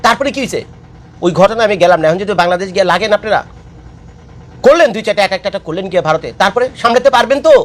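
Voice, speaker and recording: Fast, high-voiced man lecturing. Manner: lecturing, scolding, repeats his points. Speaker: political commentator. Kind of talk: impassioned political monologue. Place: living abroad.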